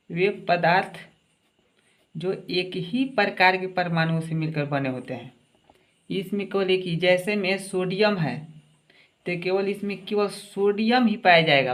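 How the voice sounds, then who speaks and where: A man's voice: high-pitched, a bit bright. A man teaching a science class, asking short questions and answering them himself in a coaxing classroom way, an everyday delivery. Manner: asks questions and answers them himself, calls students "babu". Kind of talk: classroom lecture.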